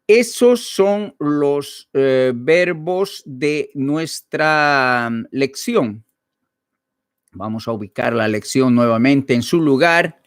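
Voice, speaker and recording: A man teaching a Spanish lesson online, explaining slowly and carefully with frequent hesitations. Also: mid-range voice, dry recording, studio quality.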